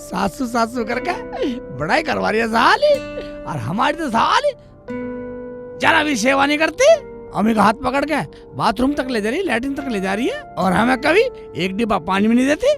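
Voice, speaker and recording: A man's voice: very high-pitched, big pitch swings, moderate pace, vocal fry, over music, exaggerated voice. A man playing a bumbling, melodramatic village husband in a slapstick comedy film, whining and wailing. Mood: grumbling. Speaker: comic lead.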